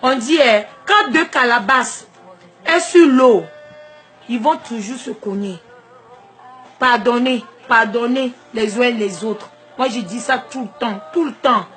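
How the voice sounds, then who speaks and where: A woman from Togo with a Togolese French accent, talking straight to her followers in an emphatic, confrontational rant that swings between shouting and soft asides. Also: on the high side, measured pace, faint music behind. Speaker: social media vlogger. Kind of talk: direct-to-camera personal rant.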